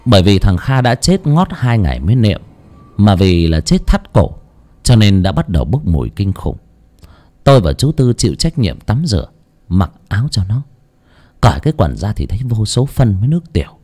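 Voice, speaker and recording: A man narrating a first-person ghost story as an audiobook, telling it expressively with dramatic pauses. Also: fairly low pitch, big pitch swings, dark tone.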